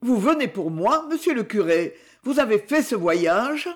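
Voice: medium pitch, big pitch swings, a little slow. A reader voicing a dying young man in an audiobook, who talks in trembling, breathless pleading. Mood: feverish pleading. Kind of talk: audiobook character reading.

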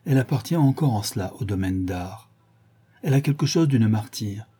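A man's voice: fairly low pitch, lively intonation, normal speed, warm tone, slightly rough. A man voicing a detached young male aesthete in an audiobook, speaking in a lofty, languid, self-assured way. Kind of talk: audiobook character reading.

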